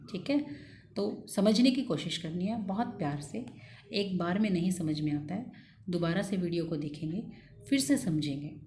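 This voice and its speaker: A woman teaches a grammar lesson with a fairly low, dark and mellow voice, patient and coaxing. She repeats her points and keeps checking that her students follow along. A faint hum of room noise sits behind her. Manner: patient, coaxing, asks "ठीक है?" after each point; repeats key points, calls students "बेटा". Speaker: English teacher.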